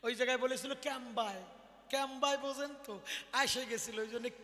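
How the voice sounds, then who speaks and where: A hoarse man with a rural Bengali dialect, preaching at a folk devotional gathering, telling stories and swelling into drawn-out sung calls. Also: very high-pitched, fairly even intonation, pushed and bright, long reverb tail. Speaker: kobigaan singer-preacher. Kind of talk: folk devotional storytelling sermon.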